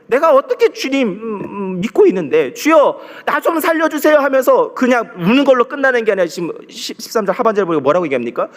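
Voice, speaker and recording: A man preaching a sermon as pastor, asking the congregation questions and leading them through scripture readings. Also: on the high side. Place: church sanctuary. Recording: long reverb of a church hall.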